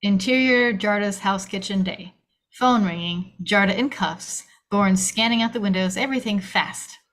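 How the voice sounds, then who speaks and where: Reading a screenplay's action, a woman delivers the stage directions dramatically in short, punchy, clipped phrases. Her voice is average in pitch for a woman, fairly bright, and at a moderate pace.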